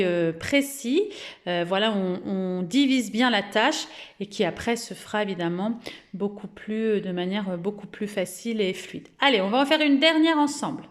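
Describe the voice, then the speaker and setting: Woman teacher doing a reading lesson, slightly high voice, slow and patient, really stretches out the sounds. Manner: slow, exaggerated articulation of sounds; patient and encouraging. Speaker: kindergarten teacher. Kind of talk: recorded reading lesson for parents and children.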